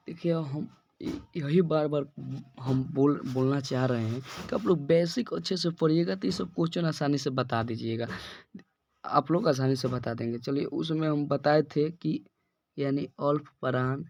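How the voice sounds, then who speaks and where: A man's voice: a little high, darkish tone. A male teacher working through exam questions one by one, repeating and restarting phrases as he explains each answer. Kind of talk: exam-prep lesson.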